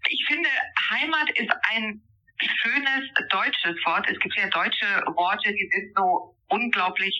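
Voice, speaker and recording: An author from eastern Germany answers interview questions thoughtfully, pausing and restarting as she hunts for the right words. Her mid-range voice sounds pushed and bright, and the audio is lo-fi.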